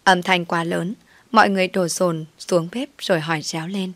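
A woman's voice: lowish voice, fairly even intonation, moderate pace, fairly bright tone, no echo. A woman narrating a first-person story, with a wry, sardonic inner voice.

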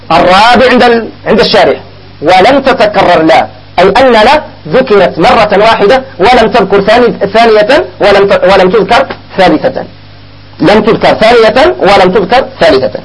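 A man with a Moroccan accent teaching an Arabic grammar lesson, asking questions and answering them himself and repeating examples slowly. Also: high-pitched, husky, poor audio.

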